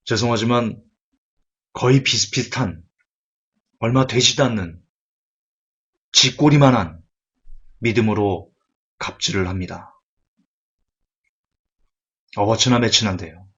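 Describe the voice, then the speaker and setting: A man's voice: on the low side, measured pace, pauses often, fairly bright tone, breathy edge, muffled recording. A male preacher giving an emphatic sermon full of rhetorical questions.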